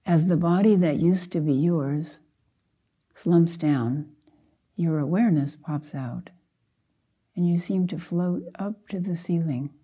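An older woman, a Zen teacher, leads a guided meditation in a soft, gentle voice that sits on the low side and is slightly rough. She speaks in short, measured phrases separated by long pauses.

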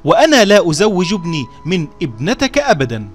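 A man's voice: on the high side, sing-song, fairly quick, faint music behind. A man voicing Nur al-Din, a touchy younger vizier. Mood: indignant.

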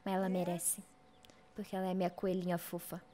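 A young woman with a Brazilian Portuguese accent giving casual, excitable commentary while playing a farm game, squealing over cute animals. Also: fairly low pitch, brisk. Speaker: gaming streamer.

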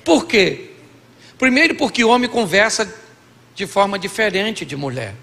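Man, Brazilian pastor, comic marriage sermon, acts out couples, high gravelly voice, echoing church hall. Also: sing-song, moderate pace, sharp tone. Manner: acts out both sides of couples' dialogues, jokey. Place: large church hall with audience.

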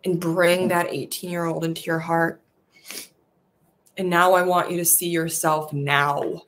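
Slow, repetitive phrases come softly and soothingly from a woman leading an affirmation meditation. Her pitch is fairly low and moves very little.

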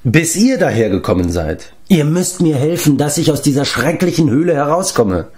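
A man's voice: mid-range voice, lively intonation, normal speed, a little mellow, voice pushed up, close to an everyday voice. A man voicing a whiny, self-pitying male giant in an audiobook reading, wailing his complaints.

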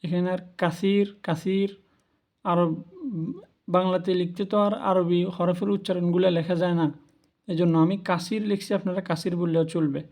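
High-pitched yet darkish in tone, this man speaks at normal speed with a level delivery. As a language teacher running a spoken Arabic pronunciation lesson, he patiently repeats each word for his learners.

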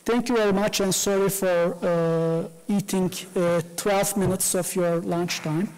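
Standing at a lectern in a lecture room, a Turkish-speaking man delivers an academic lecture, gesturing and filling his speech with fillers. His high voice is unhurried and fairly even, darkish and clean in tone. Captured by the lectern mic and a distant camera, the recording is rough with a long reverb tail.

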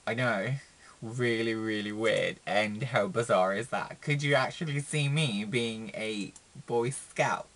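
A young man, chatting casually to his webcam in a small room, rambling with lots of fillers and restarts. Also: takes it slowly. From Philippines. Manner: chatty and rambling, many fillers and restarts, expressive pitch swings. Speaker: vlogger. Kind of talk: casual chat to camera.

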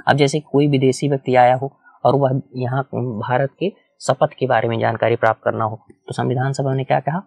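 Gravelly-voiced man teaching at a whiteboard. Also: medium pitch, fairly even intonation, fairly quick, darkish tone, no room sound. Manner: explains step by step, repeats key points, asks the class questions. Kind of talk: whiteboard lecture. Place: small room with a whiteboard.

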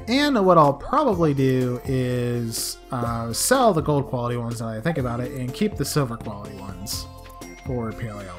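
A young woman with a low, slightly scratchy voice chats through a video game as host. Her delivery is playful and lively in pitch, with soft game music behind her. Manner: playful, chatty, talks to game characters. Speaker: let's play host. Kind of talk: casual game commentary.

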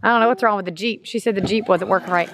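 A woman's voice: mid-range voice, very fast, fairly bright tone, slight background noise. A woman filming a casual family vlog outdoors, coaxing and directing her kids.

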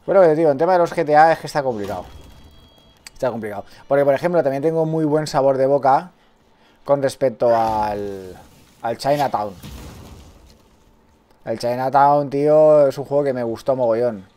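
A Spanish-accented man from Spain streams a game live, giving commentary, swearing often, and chatting with his viewers. He speaks at a medium pitch and normal speed with a dark tone, pausing often.

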